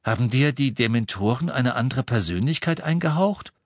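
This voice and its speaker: A man's voice: medium pitch, lively intonation, normal speed, dry recording. A man voicing a wry teenage boy wizard.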